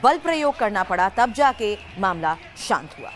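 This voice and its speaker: A female news anchor introducing footage and handing over to a field reporter in a crisp, formal manner. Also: mid-range voice, very animated, moderate pace, loud music behind the voice.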